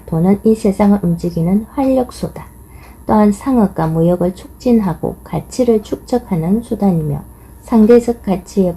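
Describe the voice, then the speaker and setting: A woman reading a nonfiction book aloud in measured, steady scripted narration. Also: mid-range voice, husky, rough recording. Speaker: audiobook reader.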